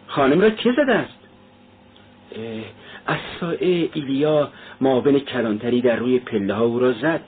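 A man's voice: medium pitch, slightly rough. A man voicing a feverish, terrified young man who pleads breathlessly in an audiobook. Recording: tinny phone-like sound.

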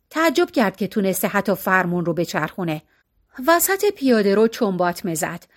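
A woman narrating a story in a steady storytelling voice, shifting expressively from line to line. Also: mid-range voice. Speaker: audiobook narrator.

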